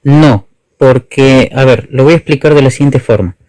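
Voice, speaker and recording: A man speaks over an online call in a dry, close-sounding voice at a middle pitch. He explains slowly and carefully as a guest teacher, often restarting and rephrasing himself. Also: warm tone, no room sound, low-quality recording. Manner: hesitant, many restarts and rephrasings. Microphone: online video call.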